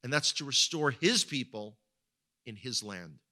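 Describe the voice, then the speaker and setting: Speaking as a guest at a congregation, a man with an Israeli accent gives a conversational, sermon-style talk. His mid-range voice is sharp and lively in intonation, a little slow, and he often repeats words while searching for the right ones.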